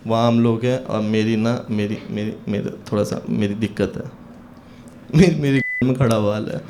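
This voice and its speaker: Stand-up comedian, man, acts out dialogue, sudden loud punchlines, audience noise behind. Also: on the low side, steady tone, moderate pace. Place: comedy stage before a live audience.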